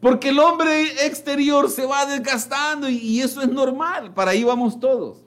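A man's voice: steady tone, moderate pace. A man preaching a sermon, emphatic and acting out the voices of people in his stories. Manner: emphatic, with big swings in pitch and loudness.

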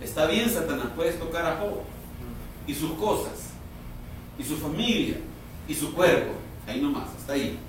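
A man preaching a sermon, slow and emphatic, drawing out words and rising to sudden loud peaks. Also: fairly high pitch, lively intonation, a little hiss or hum. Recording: echoey room, heard from far off.

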